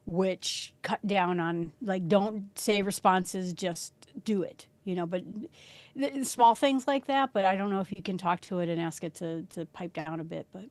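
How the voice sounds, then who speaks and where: A woman's voice: mid-range voice, no echo. A woman panelist talking casually on a tech podcast, telling anecdotes by acting out short exchanges.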